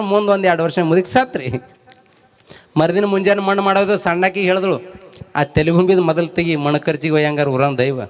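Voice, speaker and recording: Male folk comedian, North Karnataka Kannada accent, high voice, lively rhyming storyteller. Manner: talks straight to a laughing audience. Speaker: stage comedian. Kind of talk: folk stand-up comedy with rhymes and anecdotes.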